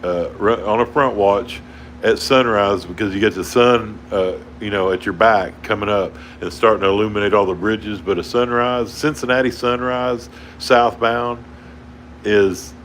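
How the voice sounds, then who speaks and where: A man with an Oklahoma drawl and a fairly low voice talks at a moderate pace to livestream viewers from a towboat. He rambles casually and chuckles often. A steady air conditioner hums behind him.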